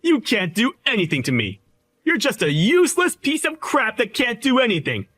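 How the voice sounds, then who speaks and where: A man puts on the voice of a shrill, sneering young bully of a boss, his pitch shooting high and swinging wildly as he yells insults at a moderate pace in a full character performance for a voiced story drama. He sounds loud, contemptuous, full of himself and gloating in his rage. The recording is bone-dry and close-miked, with no room sound at all.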